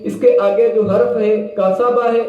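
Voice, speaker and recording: Man, high voice, very slow, chanting syllables, recitation teacher, heavy echo, dull lo-fi sound. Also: fairly even intonation. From Pakistan. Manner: drawn-out chanted syllables between plain explanations. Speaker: Quran reading teacher. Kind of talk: slow spelled-out recitation lesson.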